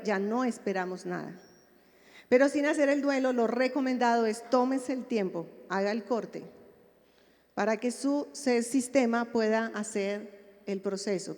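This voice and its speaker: A slightly high, darkish female voice carries a long reverb tail as a psychologist lectures publicly on grief. She is expressive throughout, using rhetorical questions to keep her listeners engaged.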